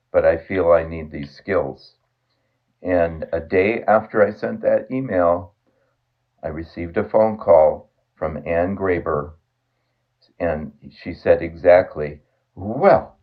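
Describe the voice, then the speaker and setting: A man interviewing a guest, telling his story in an earnest, measured way. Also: deep voice. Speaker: interviewer, financial advisor. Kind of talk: conversational interview. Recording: tinny phone line.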